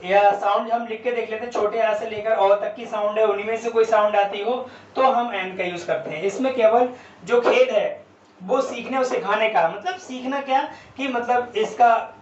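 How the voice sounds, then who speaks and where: Man, English teacher, grammar lesson, spells words out, higher voice, distant echoey mic. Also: normal speed. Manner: spells words letter by letter, asks and answers own questions. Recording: roomy, distant, dull lo-fi sound with faint background noise.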